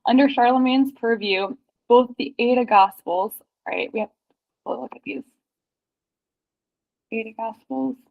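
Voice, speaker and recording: A woman in a casual research chat, excitedly reading history passages aloud in quick bursts. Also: a little high, vocal fry. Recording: dull lo-fi sound.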